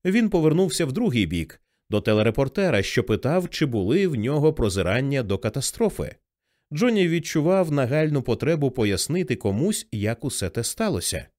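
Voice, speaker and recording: Expressive male audiobook narrator. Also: mid-range voice, brisk. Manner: expressive reading.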